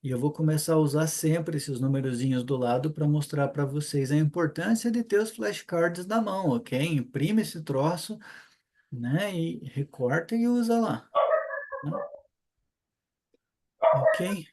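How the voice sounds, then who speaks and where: A man's voice: fairly high pitch, animated, a little slow, a little mellow. A man with a southern Brazilian accent teaching a casual online Hebrew class, chatty and informal, often checking in with "né?" and "ok?". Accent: Brazilian Portuguese, southern (Paraná). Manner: chatty, informal, rhetorical questions and frequent "né?".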